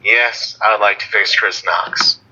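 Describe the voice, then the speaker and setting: A man speaking as a guest on an online radio call, talking in a slow, drawling stoner voice. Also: on the low side, steady tone, bright, forceful tone, slightly rough. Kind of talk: casual online radio chat. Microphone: video call. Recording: lo-fi call audio.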